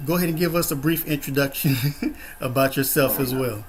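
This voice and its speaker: A man hosting a panel discussion over a video call, speaking in a measured way with many uh and um fillers. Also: medium pitch. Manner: measured, flat delivery with frequent uh and um fillers. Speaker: host of a discussion forum.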